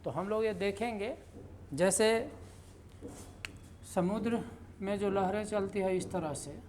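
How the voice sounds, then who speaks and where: A woman teaching a grammar lesson in a slow, explanatory way, with many fillers and repeated example sentences. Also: mid-range voice, a little mellow, slight background noise. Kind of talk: lecture.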